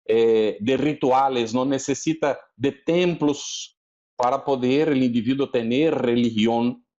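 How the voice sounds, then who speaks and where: Male lecturer, mid-pitched, didactic and probing, recording a bit dull. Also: a little mellow. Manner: didactic, often checks in with the audience with questions. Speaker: spiritist lecturer. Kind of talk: religious lecture.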